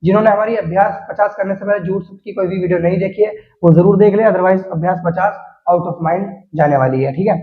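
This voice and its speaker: A man's voice: high-pitched, a little fast, hardly any pauses. A man teaching shorthand step by step as he writes, patiently repeating each rule and talking casually to his viewers. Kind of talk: explaining steps while writing on a board. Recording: echoey room, tinny phone-like sound.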